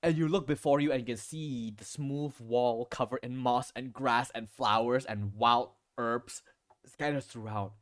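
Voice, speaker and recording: A man's voice: mid-range voice, fairly even intonation, a little slow, dry recording, studio quality. A man acting as game master, narrating a tabletop role-playing game in descriptive second-person storytelling.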